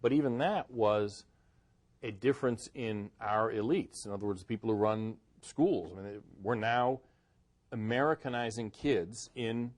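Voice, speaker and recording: The guest author, a man from Boston and Cleveland, responds to interview questions at a measured pace in a voice on the lower side. He's reflective, yet he hesitates, frequently restarting and filling gaps with fillers.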